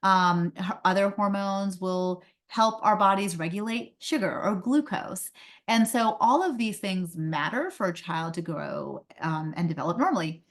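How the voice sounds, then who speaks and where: Expressive and a little slow, her medium-pitched voice carries a conversational webinar talk over a video call. The speaker, who grew up in India, is a pediatrician and founded a company. She often says "um" and laughs lightly.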